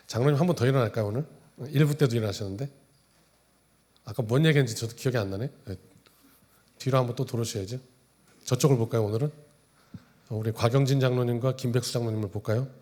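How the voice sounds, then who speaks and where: A man's voice: medium pitch, brisk, long pauses, dark tone. A male pastor preaching a sermon in a church, talking conversationally and joking with the congregation through role-play. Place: church sanctuary.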